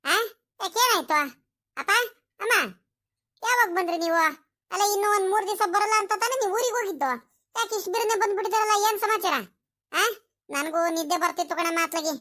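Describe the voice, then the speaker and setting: A woman's voice: very high voice, brisk, long pauses, bright, forceful tone. A woman voicing a bewildered, pleading young married daughter in a comedy cartoon. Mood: puzzled. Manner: pleading, questioning. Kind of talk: village comedy cartoon acting.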